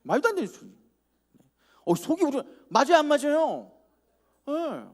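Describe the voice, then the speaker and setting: A man preaching a youth sermon at a church service, animated, and he acts out the characters with comic asides. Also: very high-pitched, moderate pace. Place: church hall.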